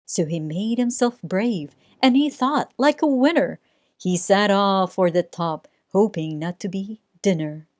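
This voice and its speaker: Slow, lively woman reading a storybook. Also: mid-range voice, dry recording, clean studio sound. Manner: sing-song rhyming delivery with dramatic pauses. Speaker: storybook reader. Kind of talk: children's read-aloud narration.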